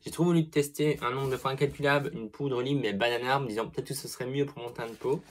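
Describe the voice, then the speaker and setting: A young beauty vlogger gives a casual makeup product review, chatty and expressive, swearing freely and gushing over the products. He has a mid-range voice and talks fast.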